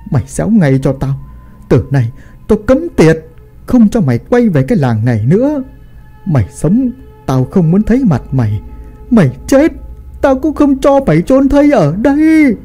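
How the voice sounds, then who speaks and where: A man voicing a strict, furious old grandfather who shouts and scolds his son. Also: medium pitch, quick pace, faint music behind, lightly acted. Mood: enraged.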